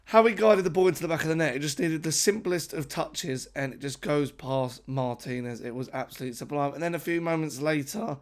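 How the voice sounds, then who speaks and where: A man with a somewhat high, croaky voice gives a casual football reaction to camera. He talks excitedly, doubling up his words for emphasis. The voice sounds hoarse and tired from travel. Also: brisk, few pauses. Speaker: football fan channel host. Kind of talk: casual match reaction vlog.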